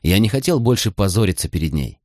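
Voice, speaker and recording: A man reading an audiobook in a low, hushed, subdued voice. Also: very animated, quick pace, no room sound, clean studio sound. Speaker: audiobook reader. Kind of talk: scripted narration.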